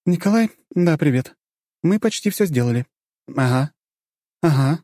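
A man voicing a scheming young woman who talks briskly and businesslike. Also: on the high side, expressive, warm tone, no echo, clean studio sound, voice pushed up.

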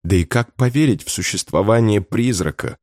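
A man narrating an audiobook in an expressive storytelling manner. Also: fairly low pitch, normal speed, no room sound, studio quality. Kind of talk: scripted narration.

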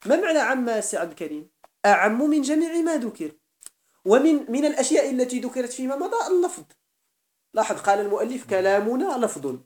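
A man's voice: very high-pitched, big pitch swings, fast, echoey room. A man with a Moroccan Arabic accent teaching grammar in a classroom lecture, often questioning his students and repeating key terms.

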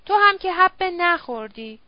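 Woman reading a drunk smooth-talking man, wheedling, high voice, dry dull recording. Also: animated, no room sound. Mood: coaxing. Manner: wheedling, slurred persuasion. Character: drunk, smooth-talking middle-aged male opium user.

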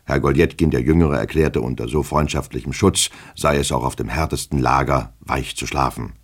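Deep husky guy reading an old novel on the radio, steady and measured. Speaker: reader.

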